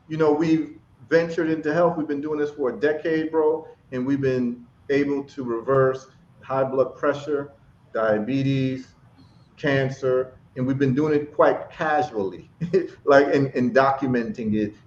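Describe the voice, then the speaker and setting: Here the man from Ghana has a medium-pitched, somewhat dark voice, with a bit of hiss or hum in the background. As a guest in a relaxed live stream conversation, he speaks with passion and repeats phrases for emphasis, all through dull, echoey lo-fi audio.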